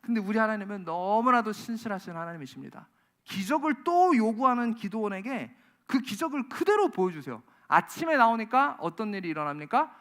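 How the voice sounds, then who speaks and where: A man's voice: sits high, animated, fairly quick, a bit bright. A man preaching a sermon in a church, firing off exasperated rhetorical questions. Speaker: pastor.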